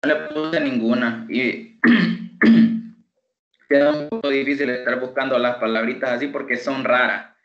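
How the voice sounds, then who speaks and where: A man with a Salvadoran Spanish accent teaching an online English class, slowly repeating words for pronunciation practice. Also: mid-range voice. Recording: dull, echoey online call audio.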